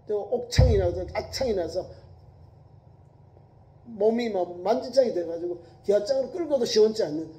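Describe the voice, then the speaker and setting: A Korean pastor with a high, warm voice preaches a sermon in an echoey church hall. His style is colloquial and emphatic, repeating words and acting out small quotes in the voices of biblical speakers.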